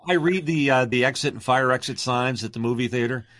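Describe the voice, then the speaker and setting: A man's voice: mid-range voice, a little fast, fairly bright tone, no room sound, clean studio sound. A middle-aged man, a radio announcer, telling stories in a casual interview with a projected announcer delivery.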